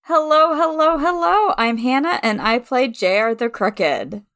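A woman's voice: sits high, expressive, a little slow, fairly bright tone, clean tone. A woman playing in a tabletop game, chatting in a bubbly, questioning way. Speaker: player. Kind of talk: casual tabletop game chat.

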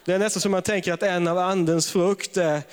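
Jovial preacher in an echoing hall. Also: male voice, sits high, steady tone, clean tone. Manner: humorous storytelling, laughs often. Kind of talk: charismatic sermon. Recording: long reverb of a large hall.

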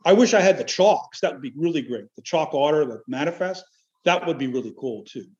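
Man, fairly high pitch, rambling enthusiastic interview talk, halting delivery, muffled lo-fi recording. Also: expressive, darkish tone. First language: Chiac French. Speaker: amateur military history researcher, podcast guest. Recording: dull, lo-fi audio.

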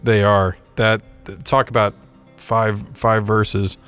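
Guy with a lowish voice agreeing a lot, um and uh, faint music underneath. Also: level tone, a bit bright, smooth. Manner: agreeable, halting, many fillers. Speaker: co-host. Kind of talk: casual Bible discussion.

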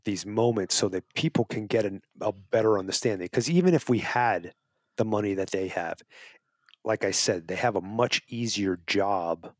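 Man with a lowish voice, a podcast guest making his case earnestly, restarting his phrases, recorded dry. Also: normal speed, no room sound. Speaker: wildlife advocacy guest. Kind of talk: casual interview talk.

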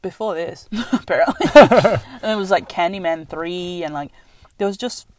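A woman's voice: fairly low pitch, animated, moderate pace, a little mellow. A woman co-hosting a casual movie chat, rambling with many fillers and laughing often, chewing as she talks. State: chewing while talking. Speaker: podcast co-host. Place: in a car.

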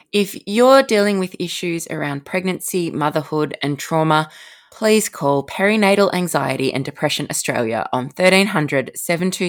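A woman hosting a podcast and narrating scripted story segments in an expressive storytelling manner. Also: sits low.

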